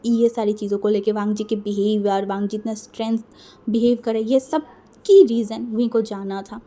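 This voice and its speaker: A woman narrating fan fiction in an expressive, dramatic storytelling manner. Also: medium pitch, normal speed.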